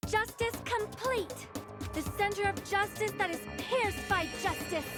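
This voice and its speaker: A very high anime game heroine declaims like a masked champion of justice. The delivery is grand, theatrical and overacted in the manner of an anime dub, set over loud game music. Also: female voice, measured pace. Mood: grandiose, heroic. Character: game character grandly reciting a masked hero's catchphrase.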